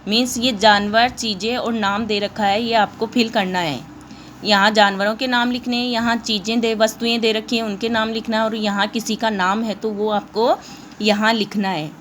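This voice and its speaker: A woman teacher giving an online lesson to young pupils, explaining slowly and mixing in English words. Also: on the high side, flat delivery, fairly bright tone, slight background noise.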